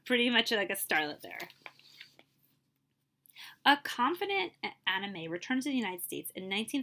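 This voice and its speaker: In a lowish voice, a female librarian reads a picture book aloud with a steady storytelling rhythm. She occasionally stops for a brief word with her listeners.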